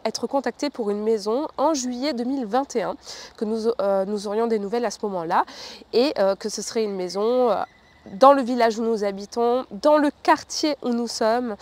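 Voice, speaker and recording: Woman from France, 30s, relaxed chatty vlogger telling a personal story, often hesitant, speaks softly at times. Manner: chatty, many fillers, lowers her voice at times. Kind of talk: casual storytelling to camera.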